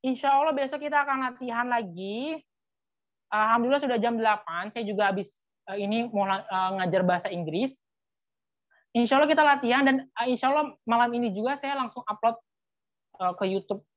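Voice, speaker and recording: A woman's voice: a little high, a little fast. A woman teaching a live online language lesson, patiently spelling out letters and repeating them, with casual fillers. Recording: slightly muffled dry sound.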